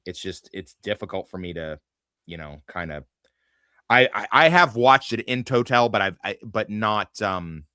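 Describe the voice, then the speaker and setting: A man with a fairly low voice hosts a loose panel chat, swearing and rambling between laughs. His tone is bright and forceful, and the sound is dry and close. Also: expressive, moderate pace, clean tone, no echo. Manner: profane, rambling, laughs often. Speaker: podcast host.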